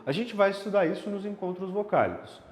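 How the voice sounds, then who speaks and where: A male grammar teacher giving a video lesson, lively and emphatic, often checking in with the listener. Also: high voice, a little fast, a little hiss or hum. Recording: echoey room with long reverb.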